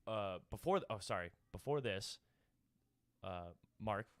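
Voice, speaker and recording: Low-voiced man rambling through a story. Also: expressive, unhurried, no echo. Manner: rambling anecdote full of fillers and laughs. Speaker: podcast host. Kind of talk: casual chat, storytelling.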